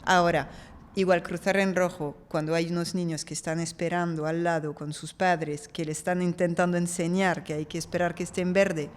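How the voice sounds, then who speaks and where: A woman from France, a native French speaker, a guest in a casual interview, telling stories in lively bursts and acting out the voices of people she quotes. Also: fairly low pitch, fairly quick, big-room sound.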